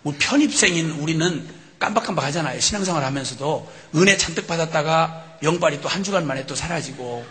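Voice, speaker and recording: A man preaching a sermon as a missionary, telling the story in an animated way and acting out scenes with chuckles. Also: a little high, fast. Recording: long hall reverb.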